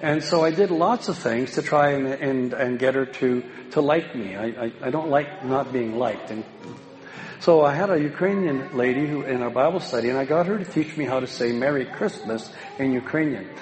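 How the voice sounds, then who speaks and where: A Canadian man telling anecdotes at a home education meeting in a folksy, self-deprecating way, with many pauses and ums. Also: mid-range voice. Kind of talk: informal public talk with anecdotes. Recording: roomy hall with faint background noise.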